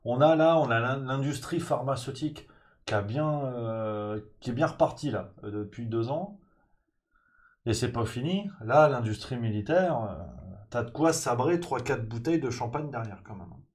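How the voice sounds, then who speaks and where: A man's voice: mid-range voice, expressive, normal speed. A man hosting a live-streamed morning press review in a loose, joking way, reading out chat messages and thanking subscribers.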